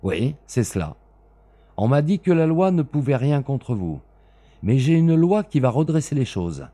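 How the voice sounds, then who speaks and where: A man's voice: mid-range voice, sing-song, unhurried, warm tone, pitched above the performer's own voice. A man doing a cold, commanding avenger. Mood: menacing. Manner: curt, commanding, menacing.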